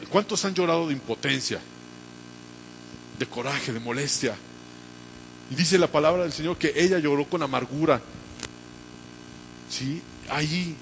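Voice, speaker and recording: A man preaching a sermon as pastor, fervent and swinging from hushed to loud. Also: on the high side, a little hiss or hum.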